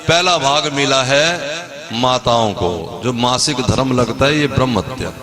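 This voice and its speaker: A man preaching a devotional sermon, telling scripture stories with animated energy and putting questions to his audience. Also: medium pitch, a little slow, music in the background. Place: religious gathering before an audience.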